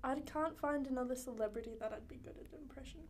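Giggly high-voiced Australian woman. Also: fast, a little hiss or hum. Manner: giggly, swears freely, tries silly impressions. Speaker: podcast co-host. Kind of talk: casual chat.

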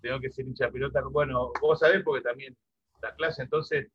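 A middle-aged musician and music teacher from Santa Fe, Argentina, chats casually in a video-call interview, speaking rioplatense Spanish with voseo. His mid-range voice is steady and brisk, and the lo-fi recording carries a bit of hiss or hum.

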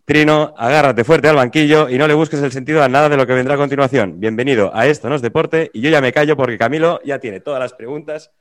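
A man's voice: mid-range voice, fast talker, no echo, studio quality. A man from Tarragona hosting a podcast, chatting casually and laughing easily. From Tarragona, Catalonia. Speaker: podcast host.

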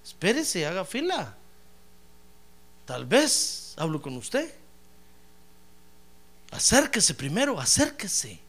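A man preaching a sermon as pastor, with animated delivery that swings from low asides to loud praise, often calling listeners "brother". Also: slow, pauses often. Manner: addresses listeners as "hermano". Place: church.

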